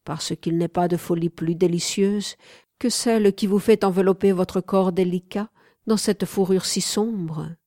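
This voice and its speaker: A woman reading an audiobook, voicing an infatuated young gentleman who speaks earnestly. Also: fairly low pitch, steady tone, measured pace, no room sound, studio quality. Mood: teasing.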